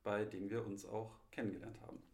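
A man from Munich, working as an assistant director, answers interview questions in a hesitant way, full of pauses and filler sounds. His voice is low with a gravelly, creaky edge. It is recorded in an echoey living room. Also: little pitch movement, darkish tone. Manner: hesitant, many ums and pauses.

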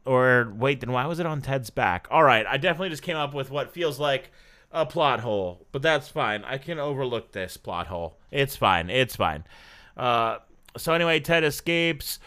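A man's voice: medium pitch, a bit bright, clean tone. A man hosting a podcast, chatting casually and reviewing a show in a rambling, self-correcting way. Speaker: podcast host.

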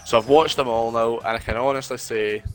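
A man's voice: medium pitch, steady tone, a little fast. A man in casual chat over a board game, laying out his opinion step by step. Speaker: podcast co-host.

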